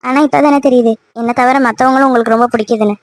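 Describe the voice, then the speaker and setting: A woman voicing a hurt, angry young woman in a cartoon love story, snapping sharp, dismissive retorts. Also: a little high, fairly even intonation, very fast, no echo, close to an everyday voice. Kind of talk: cartoon voice acting.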